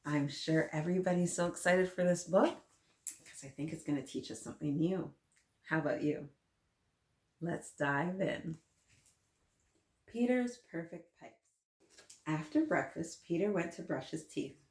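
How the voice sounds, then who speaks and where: This woman's voice sits low with a darkish tone, and she talks a little slowly with frequent pauses. She reads aloud at a young children's story time, chatting with the kids and encouraging them with simple questions addressed straight to them. The recording carries a roomy echo.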